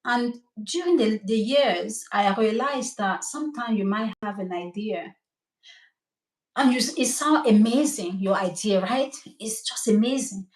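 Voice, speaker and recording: Speaking a little slowly in an expressive, medium-pitched voice, a middle-aged woman from Cameroon teaches hair care live as a hair coach and cosmetologist. French is her native language, spoken with a Cameroonian French accent; she's eagerly enthusiastic and keeps checking in with listeners, in an echoey room.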